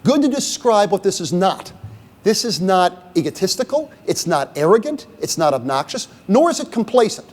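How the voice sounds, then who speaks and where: High-voiced middle-aged man giving a talk. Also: very animated, moderate pace, darkish tone, in a large hall. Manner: conversational, with frequent "okay?" and "right?" checks; poses rhetorical questions to the audience. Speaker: guest speaker on leadership. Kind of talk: lecture to a symposium audience. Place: university event room.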